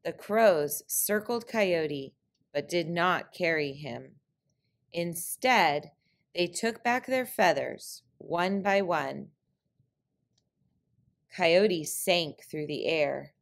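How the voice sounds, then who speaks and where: Woman, trickster-tale read-aloud, deliberate storyteller, unhurried pace, slightly low pitch. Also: lively intonation, creaky. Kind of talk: picture-book read-aloud of a trickster tale, scripted narration.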